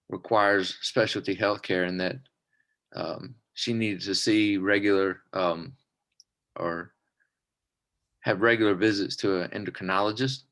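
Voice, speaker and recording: A man presenting for his student group over a video call, earnest and halting with many fillers. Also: fairly low pitch, fairly bright tone.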